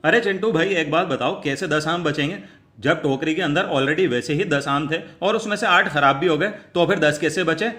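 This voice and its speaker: A man voicing a puzzled male schoolteacher in a homemade cartoon, asking his questions slowly and drawing them out. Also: fairly high pitch, pushed and bright. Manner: questioning, slow and drawn out.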